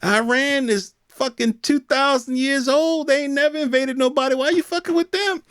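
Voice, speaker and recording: An American man with a very high, slightly bright voice hosts a podcast at normal speed. He speaks off the cuff in a casual, colloquial opinion monologue, full of rhetorical questions and impressions of imagined speakers.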